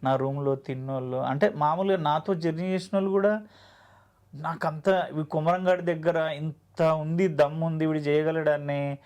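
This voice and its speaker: A man's voice: fairly high pitch, steady tone, moderate pace, darkish tone. A man, an actor telling his story earnestly and emotionally in an interview, often acting out dialogue.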